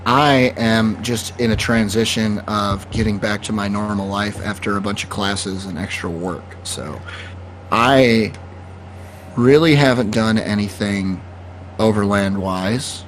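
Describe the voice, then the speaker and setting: A man co-hosting a podcast, chatting in a relaxed, rambling way about his plans. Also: on the low side, measured pace, a little hiss or hum. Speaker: podcast co-host. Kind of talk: casual podcast chat.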